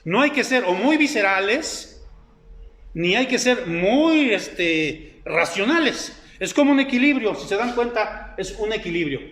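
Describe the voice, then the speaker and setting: A man's voice: high voice, expressive, a little slow, a bit bright. A middle-aged man preaching a sermon over slides, in a conversational way full of fillers and rhetorical questions. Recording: echoey room.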